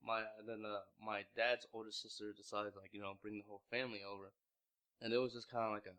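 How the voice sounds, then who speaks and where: A young Vietnamese man in his mid twenties, the founder of a clothing brand, tells his story in a casual interview, rambling and restarting often with "like" everywhere. His voice sits lowish and level, moving at a quick clip with a pushed, bright, clean sound.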